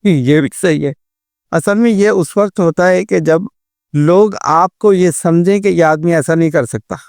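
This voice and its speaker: In clean studio audio with no room sound, a religious scholar guest patiently offers advice on good manners, drawing on everyday examples. His voice is fairly high and darkish, with vocal fry.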